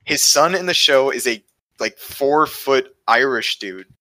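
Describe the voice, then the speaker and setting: A man trades playful jokes in a casual podcast chat. His voice is strikingly bright and sharp, and it is recorded close and dry. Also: mid-range voice, animated, a little slow, dry recording, rough recording. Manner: joking, playful.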